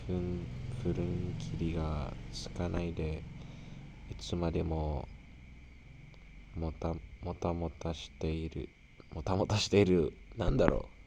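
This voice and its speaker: A young man who grew up speaking Indonesian reads a novel aloud in Japanese with an Indonesian accent. He thinks aloud in a halting way, often trailing off and repeating words. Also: low voice, steady tone, creaky, noisy background. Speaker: language learner. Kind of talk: reading a novel aloud and musing.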